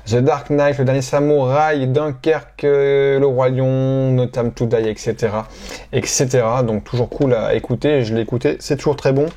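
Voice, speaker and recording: A man with a warm, mellow voice chats casually about items from his collection. He talks off the cuff, often pausing to search for words and restarting sentences. His pitch sits in an ordinary middle range. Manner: hesitant, many filler sounds and restarts. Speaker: collector presenting his purchases. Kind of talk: casual unscripted show-and-tell.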